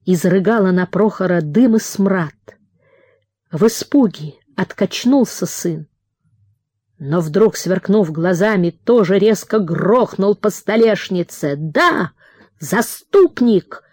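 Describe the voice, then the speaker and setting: Slow, dry-voiced woman narrator. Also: on the low side, mellow, no echo. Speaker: audiobook reader. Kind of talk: literary narration.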